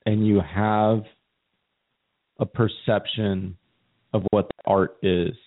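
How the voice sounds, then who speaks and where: A man's voice: lowish voice, little pitch movement, slow. A man co-hosting a casual conversation, thinking aloud and often repeating his words as he goes. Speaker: co-host. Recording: tinny phone-like audio.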